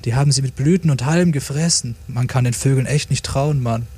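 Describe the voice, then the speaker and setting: A man's voice: medium pitch, fairly quick, mellow, husky, natural voice. A man reading a storybook voices a stoned, laid-back male bee who talks in drawling slang.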